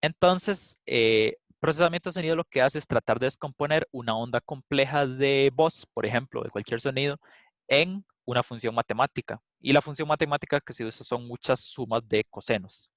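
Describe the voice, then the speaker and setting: A man's voice: mid-range voice, normal speed, a bit bright, no room sound. A man giving a casual, explanatory class lecture, thinking aloud with frequent "eh" fillers. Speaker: instructor. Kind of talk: recorded class lecture with live demo.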